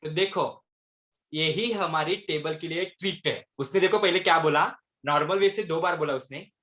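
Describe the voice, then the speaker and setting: Guy teacher on an online class, bit high voice, keeps asking the kids questions back, echoey room. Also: normal speed, fairly bright tone. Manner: keeps quizzing students with repeated questions.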